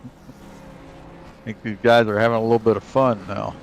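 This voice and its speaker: Relaxed, hesitant race commentator man. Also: on the low side, a little slow, muffled recording, a little hiss or hum. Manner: relaxed, hesitant, with many fillers. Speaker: color commentator.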